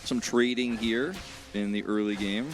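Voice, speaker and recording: A man's voice: lowish voice, a little slow, music in the background. A man in his thirties casting an esports match, chatty and joking with his co-caster. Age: 30s. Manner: joking, talkative, lively banter. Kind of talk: casual esports commentary.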